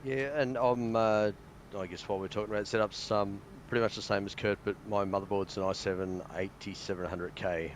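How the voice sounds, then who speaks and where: A man's voice: fairly low pitch, fairly even intonation, brisk, slight background noise. An Australian man chatting casually over a voice call, rambling with lots of fillers. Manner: rambling, hesitant, many fillers. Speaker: guest pilot.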